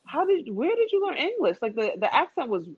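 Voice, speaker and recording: Here a podcast speaker talks travel with a friend in a relaxed, conversational way, her high voice very animated and a touch quick. She tends to repeat phrases to stress them. The sound is dull and lo-fi.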